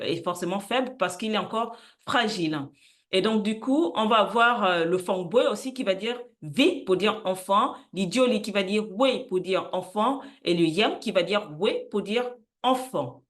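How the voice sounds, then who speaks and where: Measured woman explaining word roots. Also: medium pitch. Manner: careful, listing words slowly with frequent hesitations; unsure of pronunciation in languages she does not speak. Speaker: channel host presenting word roots. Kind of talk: educational explainer.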